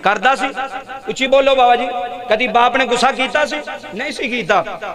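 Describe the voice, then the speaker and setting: A man's voice: extremely high pitch, moderate pace, reverberant. A man preaching an emotional sermon to a gathering, calling on the listeners to answer him. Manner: impassioned, calls on the audience to answer. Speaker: Islamic preacher. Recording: live event with crowd noise.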